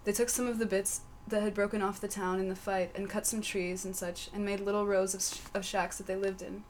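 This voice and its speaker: A woman narrates a silly fantasy story in a flat, matter-of-fact tone and lets the absurd lines land without any emphasis. Her pitch is mid-range, and a faint hiss sits under the voice. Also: a little fast. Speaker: story reader. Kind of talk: deadpan comic narration.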